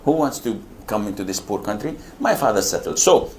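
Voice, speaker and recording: A man's voice: fairly low pitch, animated, brisk, slight background noise. An older man from Saudi Arabia, an Islamic preacher answering audience questions with humor, now and then acting out other people's voices. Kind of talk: lecture Q&A.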